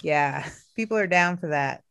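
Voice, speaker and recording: A woman's voice: deep voice, a little slow, creaky, a bit bright, clean tone. A woman co-hosting a podcast, chatting casually and enthusiastically, laughing often and egging the guest on. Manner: bubbly and enthusiastic, laughs often, says "totally" and "seriously". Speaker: podcast co-host.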